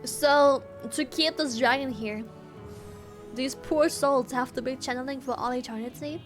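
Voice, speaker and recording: A woman's voice: high-pitched, steady tone, measured pace, faint music behind. A woman streaming a video game with casual, playful, slangy commentary, thinking aloud. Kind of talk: casual live gaming commentary.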